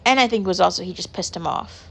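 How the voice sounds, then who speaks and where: A woman's voice: fairly low pitch, quick pace, creaky, fairly bright tone, a little hiss or hum. A woman hosting a casual chat, rambling with lots of filler words and casual swearing. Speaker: podcast host.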